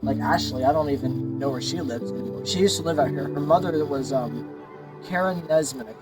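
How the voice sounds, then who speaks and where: A man chatting casually in a vlog, excited and choked up, stammering and repeating himself. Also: fairly high pitch, fairly quick, over music. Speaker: vlogger.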